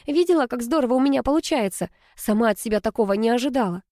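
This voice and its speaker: A cheerful middle-aged mother, bright and self-pleased, as a woman reader puts her on. The voice sits a little raised and the sound is dry and close. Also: on the high side, animated, quick pace, no room sound, pitched above the performer's own voice, close to an everyday voice.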